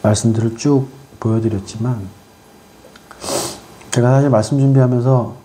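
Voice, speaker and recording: A preacher delivering a sermon, firing rhetorical questions at the congregation and swinging between loud exhortation and quiet asides. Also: mid-range voice, fairly even intonation, normal speed, a little hiss or hum.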